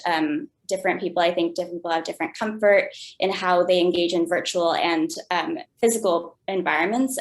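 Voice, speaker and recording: A woman shares informal reflections as a panelist at an online event. Her voice sits slightly low, and she phrases her points thoughtfully, with some hesitation. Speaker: panel speaker.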